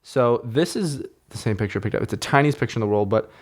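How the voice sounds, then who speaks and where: A man's voice: medium pitch, lively intonation, quick pace. A man hosting his own podcast, chatting casually into a podcast microphone indoors, rambling and swearing cheerfully. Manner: rambling, profane, upbeat. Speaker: podcast host. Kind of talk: casual solo podcast chat. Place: indoor room.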